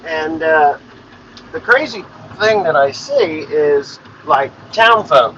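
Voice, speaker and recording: A man's voice: on the high side, expressive, takes it slowly, a bit bright, lo-fi sound, slight background noise. A man in his forties, a farmer hosting his own show, talking in a plain-spoken, rambling way and swearing freely from inside a vehicle. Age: 40s. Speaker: farmer and podcast host. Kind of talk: casual rambling monologue.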